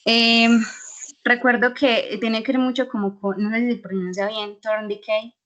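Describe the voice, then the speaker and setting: A woman's voice: fairly high pitch, fairly even intonation, normal speed, a bit bright, dull audio. A young woman student answering in an online class, hesitant and full of fillers. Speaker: university student. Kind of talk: class participation.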